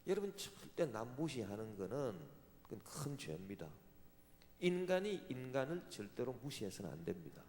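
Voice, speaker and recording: A man's voice: medium pitch, sing-song, moderate pace, a little mellow. A male senior pastor from Gyeongsang Province with a Gyeongsang accent, preaching a sermon in a church sanctuary. He asks rhetorical questions and mimics other people's voices. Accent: Gyeongsang Korean. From Gyeongsang Province, Korea. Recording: long reverb of a large hall.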